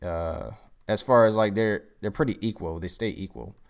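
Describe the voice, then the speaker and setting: A man's voice: lowish voice, normal speed, vocal fry, clean tone. A tired, groggy man on a casual live stream, showing off his card game and thinking aloud as he rambles through each card. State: groggy, tired from a long day.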